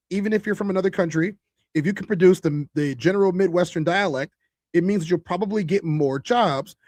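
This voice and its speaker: Man, podcast host, high-pitched voice, loose conversational talk with restarts, dry close sound. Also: darkish tone, no room sound. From Chicago. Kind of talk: casual commentary to viewers.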